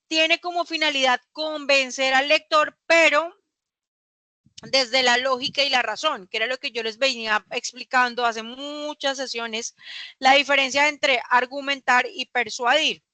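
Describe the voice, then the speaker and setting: A woman's voice: sits high, steady tone, a little slow, sharp tone, no room sound. A young woman, teaching a class and explaining patiently with rhetorical questions. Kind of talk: classroom lecture.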